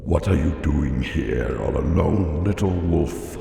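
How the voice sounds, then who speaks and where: A man reading a storybook, voicing a huge mother dragon in a deep, rumbling voice. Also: slow, creaky, warm tone, reverberant, in a large hall, a little hiss or hum, heavily acted. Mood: calm.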